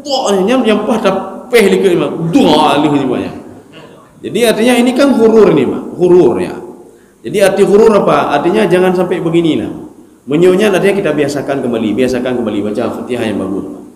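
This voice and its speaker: A man's voice: fairly high pitch, a little fast. Guy preaching in a mosque, voice jumps all over, jokey, echoey room. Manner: animated, acts out mumbled recitation, jokes. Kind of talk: mosque study sermon. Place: mosque hall.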